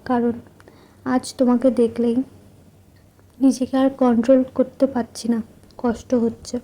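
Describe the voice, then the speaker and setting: A brooding young male doctor murmurs tender words in a romantic audio story, as a woman narrator puts him on. The voice is soft and hushed, sitting high yet mellow and warm, with a controlled, intimate restraint. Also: flat delivery, measured pace, close to an everyday voice.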